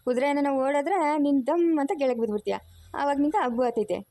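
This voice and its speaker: A woman's voice: sits high, animated, fast, mellow, no room sound. Woman playing a doting village grandmother. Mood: coaxing. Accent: rural Kannada, Chikkaballapur region. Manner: coaxing, soothing. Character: doting rural grandmother, tender and fretful. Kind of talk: cartoon voice acting.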